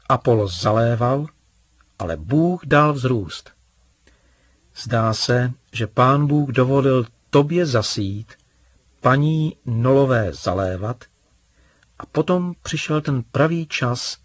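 Man voicing a patient, gentle father. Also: mid-range voice, husky, dry recording.

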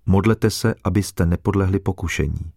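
A man reading calm solemn Jesus, deep. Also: vocal fry, dry recording, studio quality.

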